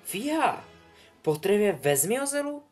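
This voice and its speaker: A man voicing an excitable, gossipy young schoolgirl who shrieks in surprise. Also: faint music behind. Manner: high shrill exclamations.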